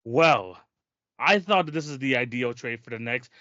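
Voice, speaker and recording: A man's voice: medium pitch, animated, normal speed, bright, forceful tone, dry recording, highs cut off. A man co-hosting a sports podcast, talking in casual chat with emphatic, restarting sentences. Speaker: podcast co-host.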